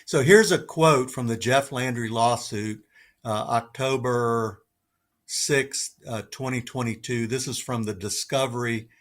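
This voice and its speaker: A man's voice: medium pitch, measured pace, fairly bright tone. A man presenting slides on a talk show, earnest and emphatic, reading quotes aloud. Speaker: guest presenter.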